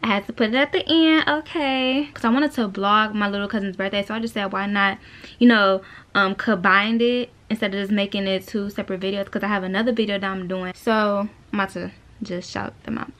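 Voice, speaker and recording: A woman's voice: medium pitch, fairly even intonation, fairly quick, fairly bright tone. A woman of twenty-one answering viewer questions in a casual vlog, talking loosely with lots of fillers, filmed at arm's length in a small bedroom. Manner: chatty, laid-back, lots of "like" and "you know". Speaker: vlogger. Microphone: camera at arm's length.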